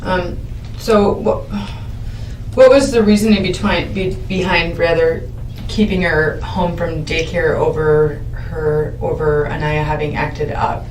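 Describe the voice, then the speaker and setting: A woman's voice: sits low, little pitch movement, measured pace, darkish tone. A woman interviewing for the police, putting probing questions methodically. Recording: echoey room, distant mic, faint noise.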